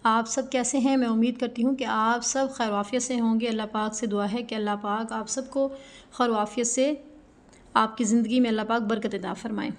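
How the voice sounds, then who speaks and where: A woman's voice: on the high side, fairly even intonation, a little fast. A woman Quran teacher with a Pakistani Urdu accent, giving a patient step-by-step recitation lesson that spells out sounds syllable by syllable and poses questions to her students.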